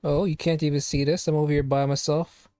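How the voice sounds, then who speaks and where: Fairly quick and mellow, with little pitch movement, this mid-pitched streamer rambles through casual live-stream chatter, asking viewers one question after another. Recorded on a home streaming microphone, it sounds close and dry with no echo, faint game music beneath.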